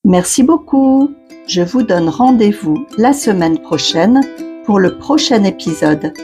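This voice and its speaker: A woman's voice: mid-range voice, lively intonation, takes it slowly, warm tone, soft background music. A woman hosting an educational podcast as a French teacher, reading scripted narration with didactic phrasing for learners.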